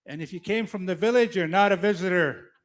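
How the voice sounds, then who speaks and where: A man's voice: sits high, a little fast. A man emceeing a powwow, making informal announcements and repeating key phrases.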